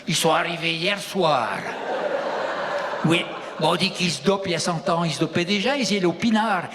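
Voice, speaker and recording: A man with a high voice and a regional rural French accent performs live stand-up comedy at a normal speed, teasing the audience with rustic banter. The show hall's long reverb fills the very noisy recording.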